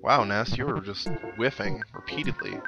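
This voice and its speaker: A man with a lowish voice hosts a gaming show, giving casual let's-play commentary at a moderate pace, full of wry, sarcastic asides and occasional game text read aloud. He records on a dull lo-fi mic, with synthesized video game music behind him.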